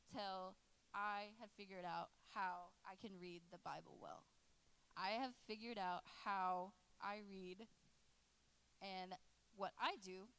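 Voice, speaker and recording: A woman's voice: medium pitch, clean tone, low-quality recording. A woman in her late twenties giving a casual, joking talk to a youth group as its youth pastor. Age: 20s. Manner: lively and joking, chatting with teens in the room.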